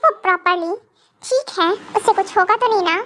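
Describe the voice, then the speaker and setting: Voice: extremely high pitch, normal speed, bright, forceful tone. A reader voicing a vengeful, possessive young male mafia boss in an amateur fan dub, talking in a brooding, threatening way. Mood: anxious bossy. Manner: brooding, threatening, then fussing.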